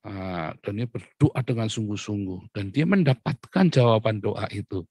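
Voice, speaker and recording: A man preaching a casual sermon, lively and chatty, with many rhetorical questions and short chuckles. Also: lowish voice, normal speed, slightly rough, no echo. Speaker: pastor.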